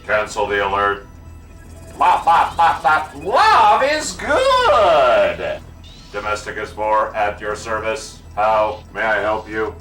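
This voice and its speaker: A formal household robot. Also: male voice, on the low side, wildly swooping pitch, slow pace, bright, forceful tone, echoey room, soft background music, full character voice. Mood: announcing. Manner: stiff, formal announcements. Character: earnest male household robot, literal-minded.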